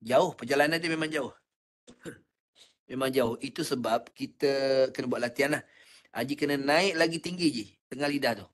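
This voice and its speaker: A man with a Malaysian Malay accent teaching Quran recitation in an online class, patient and coaching, demonstrating sounds slowly. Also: mid-range voice, a bit bright.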